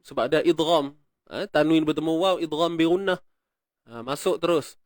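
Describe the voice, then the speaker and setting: A man with a Malaysian Malay accent teaching Quran recitation rules, explaining patiently, repeating words slowly and chanting verses. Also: a little high, no echo, clean studio sound. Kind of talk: tajwid lesson, explaining and reciting.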